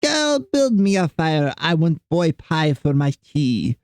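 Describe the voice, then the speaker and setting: A man's voice: fairly high pitch, sing-song, slow, darkish tone, no echo, clean studio sound, exaggerated voice. A man voicing a wicked old witch who cackles and turns from sugary sweet to harsh. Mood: demanding.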